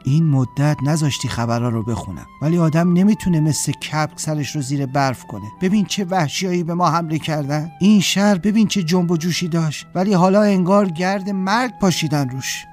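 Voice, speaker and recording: A man's voice: fairly high pitch, hardly any pauses, a little mellow, soft background music, pitched above the performer's own voice, close to an everyday voice. A frightened young wife on the edge of tears, as a male narrator puts her on. Her voice sits well above his own, pleading and unsteady in a told story. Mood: upset, tearful. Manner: tearful, pleading, shaken. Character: frightened tearful young wife, grieving bombing victims.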